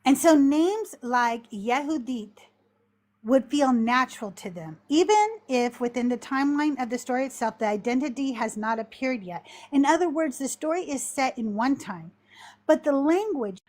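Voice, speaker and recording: A woman hosting a live-streamed talk, explaining scripture in a measured, reflective way, a little short of breath. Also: sits high, animated, darkish tone. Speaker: podcast host teaching on scripture.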